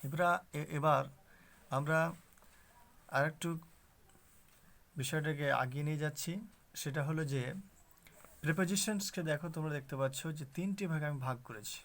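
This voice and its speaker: A man's voice: a little high, moderate pace, long pauses, fairly bright tone. A man teaching an English grammar lesson to students, explaining step by step and asking rhetorical questions.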